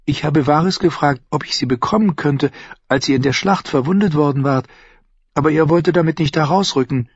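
A male audiobook reader voicing an eager, childish young woman who pleads and chatters in a raised, husky voice. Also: fairly high pitch, fairly quick, no room sound, voice pushed up. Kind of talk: audiobook character voice. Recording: dull lo-fi dry recording.

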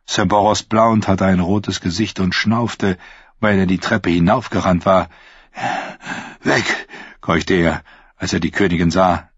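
A man reads an audiobook in scripted, measured narration. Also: deep voice, level tone, slightly rough, no echo. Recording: dull dry lo-fi recording.

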